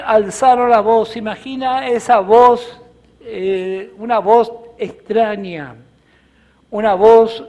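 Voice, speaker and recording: A male pastor preaching a sermon in short, measured phrases with pauses between them. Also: high voice.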